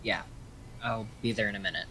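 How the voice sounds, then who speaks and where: A man's voice: fairly low pitch, fairly even intonation, fairly quick, background noise, close to an everyday voice. A man playing an irritable, sarcastic young man in a naturalistic audio drama, blunt and defensive. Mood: irritated, defensive.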